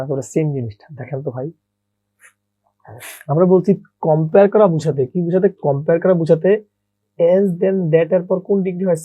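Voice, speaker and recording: Teaching English grammar, a man uses a warm, husky voice of fairly high pitch, calling listeners brother. He often repeats his own questions and answers them. The recording is dull and echo-free.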